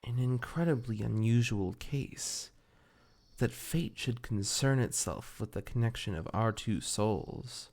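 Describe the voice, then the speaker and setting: In an intimate roleplay audio, a man plays a devoted, ancient fey familiar spirit, speaking formally and tenderly in measured, archaic diction. His mid-range voice is gravelly and a little mellow, and he sounds thoughtful.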